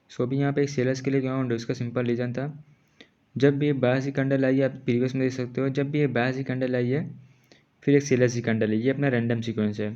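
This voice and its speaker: A man's voice: medium pitch, a little mellow, dull audio. A man giving an informal, casual screen-share tutorial on trading, repeating himself and often correcting his words mid-sentence. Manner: says he is speaking slowly on purpose today.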